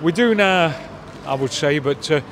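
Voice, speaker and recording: A man's voice: a little high, expressive, normal speed, fairly bright tone, a little hiss or hum. An older man, a football fan and grandfather, chatting thoughtfully in a street interview with many fillers, held mic outdoors. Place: outdoors by a stadium car park. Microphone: handheld mic held by interviewer.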